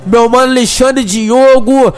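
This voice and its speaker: A man from Brazil, a DJ, rattling off crude, rowdy shout-outs over a mix, yelling names and laughing. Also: very high-pitched, fairly even intonation, a little slow. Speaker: DJ giving shout-outs on his podcast mix. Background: funk music beat.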